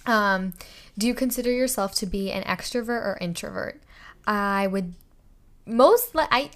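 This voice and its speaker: A young woman hosting a casual solo podcast, chatty and giggly, stumbling over words as she reads out questions. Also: medium pitch. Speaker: podcast host.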